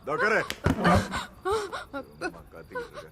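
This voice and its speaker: An actor dubbing a rough kidnapper who barks harsh orders at a captive. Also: male voice, normal speed, very noisy, natural voice. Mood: bullying. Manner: harsh, barking commands. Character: rough, bullying male kidnapper barking orders. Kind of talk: dubbed film acting.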